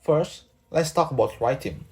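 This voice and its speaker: Young guy from indonesia reading his lesson script kinda stiff, warm low-key voice, faint music under it. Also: animated, a little slow. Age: young adult. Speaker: student presenter.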